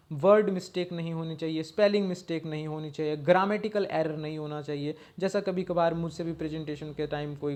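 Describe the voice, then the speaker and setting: Man, high-pitched, exam-prep teacher, lecture off slides, checks in with "okay". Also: a little mellow. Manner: explains step by step, often checks in with a short "okay" and reads lines out in English.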